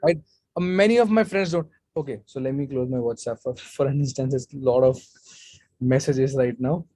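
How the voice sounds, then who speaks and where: A man's voice: medium pitch, normal speed, warm tone, no echo. A man, speaking casually as a guest speaker in a live online session and answering questions from the chat. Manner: casual, chatty, off-the-cuff advice.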